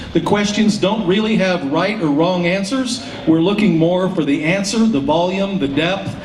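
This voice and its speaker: A man hosting a public event, explaining things to an audience in a folksy way. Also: sits high. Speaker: auctioneer and event emcee. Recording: roomy PA sound, distant, faint noise.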